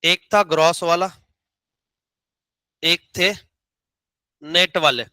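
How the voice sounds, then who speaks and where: A man teaching economics to a class, teasing his students and calling them beta while he slowly spells out formulas. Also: fairly high pitch, fairly even intonation, pushed and bright, smooth, dry recording. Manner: teasing, calls students beta, drags out key terms. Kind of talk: classroom lecture.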